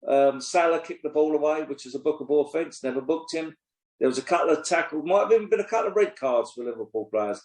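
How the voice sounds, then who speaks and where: A quick-paced man with a fairly high pitch and darkish tone co-hosts a casual football podcast. In his 60s, he acts as a pundit, blunt and opinionated, swearing freely as they chat casually. The recording has a roomy echo.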